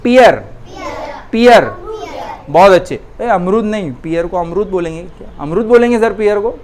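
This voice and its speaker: A woman's voice: mid-range voice, normal speed, darkish tone, slight background noise. A woman teaching a class, naming words and coaxing students to answer her questions. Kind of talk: classroom lesson.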